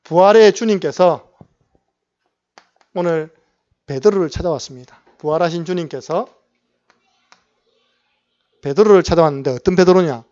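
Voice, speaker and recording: A man's voice: a little high, darkish tone, muffled recording. A male pastor with a Gyeongsang Korean accent, telling a Bible story in a sermon and often asking the congregation questions. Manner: storytelling preacher who asks the congregation questions and acts out quotes. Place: church sanctuary.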